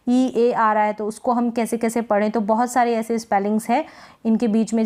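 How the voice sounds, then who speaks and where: Woman, fairly high-pitched, teaching tone, asks and repeats each word. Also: darkish tone. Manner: slow drilled word repetition with quiz questions. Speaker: English teacher. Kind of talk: spoken-word pronunciation lesson.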